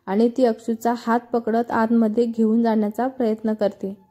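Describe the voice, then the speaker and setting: A woman narrating a scripted romance story in a steady, even reading. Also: a little high, moderate pace.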